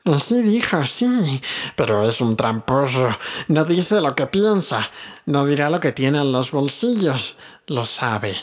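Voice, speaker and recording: A man's voice: big pitch swings, takes it slowly. A man voicing a wretched ancient cave creature that hisses, whines and mutters to itself in an audiobook. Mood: scheming. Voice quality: hissing, muttering to himself. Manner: whining, cursing, sudden high outbursts. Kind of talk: audiobook character reading.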